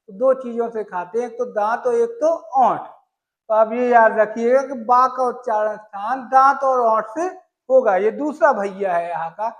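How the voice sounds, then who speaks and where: A man's voice: extremely high pitch, fairly bright tone, reverberant, poor audio. A male Sanskrit teacher from gives an exam-prep lesson, using homely examples and asking and answering his own questions.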